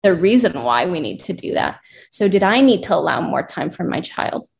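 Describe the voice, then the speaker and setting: A woman's voice: on the low side, big pitch swings, moderate pace, gravelly. A woman from the United States, a clinician, giving earnest advice as a guest in a conversational interview. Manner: earnest, advising, builds points in lists.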